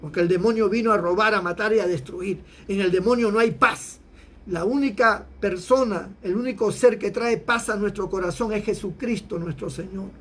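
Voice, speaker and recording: A male pastor from Peru delivering an emphatic sermon, his pitch rising suddenly for emphasis. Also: normal speed, a bit bright.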